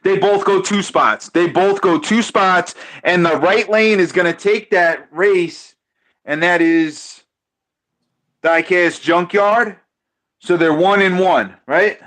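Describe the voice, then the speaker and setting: A man calling a diecast car race live with an excited play-by-play, repeating his calls, stumbling over names and losing his voice. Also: high-pitched, slow pace. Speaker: race commentator.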